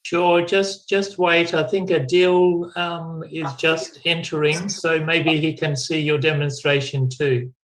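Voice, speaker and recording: Male instructor on a video call, higher, flat delivery, hesitant with fillers. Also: rough recording. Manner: halting, with many fillers. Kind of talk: explaining to an online class.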